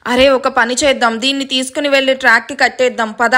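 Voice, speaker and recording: Woman voicing rough menacing male thugs. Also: high voice, little pitch movement, fast, pushed and bright. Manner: gruff, threatening.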